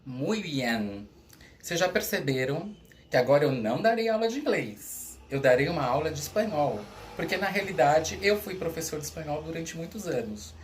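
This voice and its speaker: A man's voice: fairly high pitch, slight background noise. Brazilian man teaching in an echoey room. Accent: Brazilian Portuguese. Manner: lively teacher, slows right down to model pronunciation, checks in with "tá?". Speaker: school coordinator teaching Spanish. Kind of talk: recorded video lesson.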